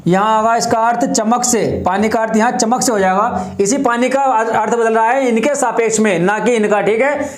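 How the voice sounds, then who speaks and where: A man teaching a Hindi grammar lesson for exam prep, explaining slowly, repeating examples and asking rhetorical questions. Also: very high voice, echoey room.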